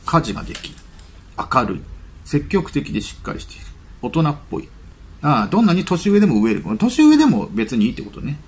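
Gravelly, lively-voiced man musing on news. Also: mid-range voice, a little hiss or hum. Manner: reads news items aloud, then muses with chatty asides. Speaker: channel host. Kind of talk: casual commentary on celebrity news.

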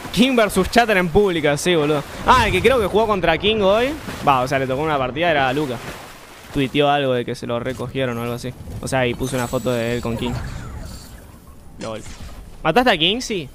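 A young man with an Argentine accent, chatting and swearing freely while streaming a game, now and then bursting into shouts. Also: a little high, animated, brisk, pauses often, background noise. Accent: Argentine Spanish. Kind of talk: live game commentary.

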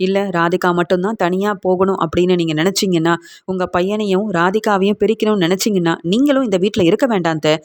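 A woman's voice: medium pitch, fast talker, close to an everyday voice. A woman voicing a defiant daughter-in-law. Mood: reproachful. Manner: firm, reproachful, lecturing. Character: defiant middle-aged woman scolding her mother-in-law. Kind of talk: retelling a TV serial scene.

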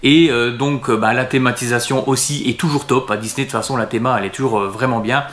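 A man's voice: medium pitch, fairly even intonation, fast, a bit bright, roomy sound. A man talking casually to camera as a restaurant vlogger, hesitant and full of fillers and restarts.

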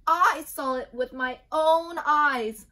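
A woman voicing an excitable, panicked little female chick in a storybook, with emphatic, drawn-out alarm. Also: high-pitched, pitched above the performer's own voice, heavily acted. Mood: insistent, dramatic.

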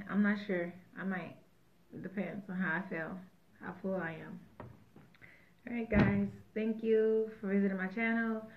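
A woman hosting a mukbang video, chatting casually and rambling with jokes between bites. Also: mid-range voice. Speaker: mukbang host. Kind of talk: casual chat while eating. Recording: tinny phone-like sound.

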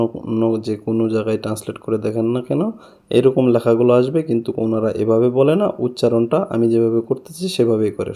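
A man whose first language is Bengali, hosting a language lesson and slowly repeating each word for his learners. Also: mid-range voice, dark tone. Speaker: language teacher, channel host. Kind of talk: screen-recorded language lesson.

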